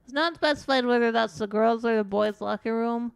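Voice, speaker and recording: A woman's voice: on the high side, brisk, gravelly, clean tone, dry recording. A woman streaming a game as a VTuber, rambling through a casual story and swearing now and then. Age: adult.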